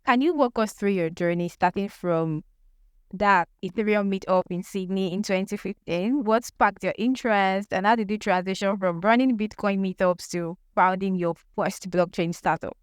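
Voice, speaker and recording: A woman's voice: medium pitch, moderate pace, clean tone, dry recording, studio quality. A woman hosting a podcast, introducing her guest in an upbeat, enthusiastic way. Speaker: podcast host. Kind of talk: scripted podcast intro and interview.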